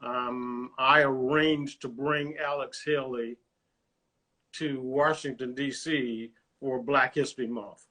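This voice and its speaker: An older man from the US, a retired officer, recalling his career in a measured, proud way during a family chat. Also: mid-range voice, steady tone, sharp tone. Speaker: guest, retired Coast Guard officer.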